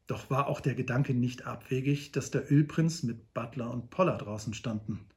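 A man narrating an adventure novel aloud with lively storytelling. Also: medium pitch, normal speed. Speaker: audiobook narrator.

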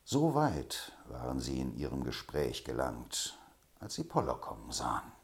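A man narrating a story in a deep voice. His reading rises and falls in a lively way, steady and expressive. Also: measured pace, gravelly. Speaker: audiobook reader. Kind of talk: scripted narration.

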